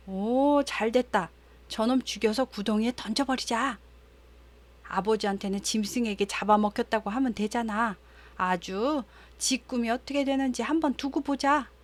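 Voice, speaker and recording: A woman's voice: fairly high pitch, measured pace, lightly acted. A woman voicing a band of jealous, scheming older brothers who whisper a plot among themselves in a storybook Bible tale. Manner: hushed conspiratorial whisper.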